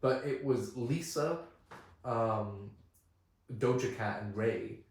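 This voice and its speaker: A man co-hosting a podcast, telling stories in an animated, casual way with quick asides. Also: medium pitch. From United Kingdom. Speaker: podcast co-host. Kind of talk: casual film chat. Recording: echoey room.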